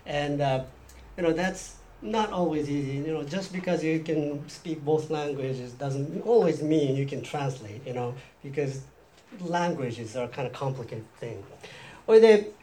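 This Japanese-accented preacher from Japan takes it slowly, his mellow voice pitched fairly high, with slight background noise. At a church hall in Seattle, he chats, quizzes his listeners, and restates each point in a second language himself.

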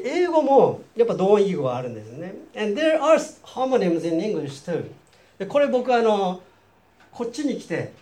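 High-pitched and dark in tone, a Japanese man preaches a sermon in a Seattle church hall with a Japanese accent. He restates his points in a second language himself and chats with the crowd, asking them questions.

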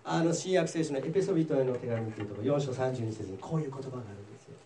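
A man preaching a sermon as pastor, telling a parable in a lively storytelling way. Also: mid-range voice, racing, roomy sound, distant mic, a little hiss or hum. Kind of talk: sermon with English interpretation.

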